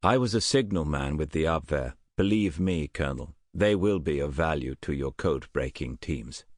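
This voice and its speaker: A man's voice: a bass voice, lively intonation, moderate pace, dry recording, clean studio sound. A man voicing an earnest, careful German officer who has defected, answering questions politely in an audiobook. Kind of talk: audiobook character voice.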